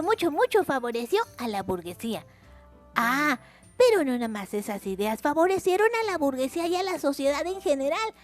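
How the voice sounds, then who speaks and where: Very high, sing-song woman teaching children. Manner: repeats words for emphasis, chatty explanations. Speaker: educational video channel host. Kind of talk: simple history lesson addressed to children.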